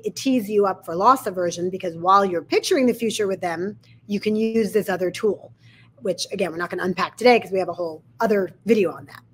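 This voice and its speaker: A woman's voice: mid-range voice, slightly rough. A woman sales coach with a slight lisp, explaining a method step by step in an instructional video.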